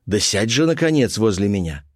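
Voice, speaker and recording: A man playing an eager, impatient nineteenth-century officer who speaks in quick exclamations. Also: on the low side, sing-song, dry recording, studio quality.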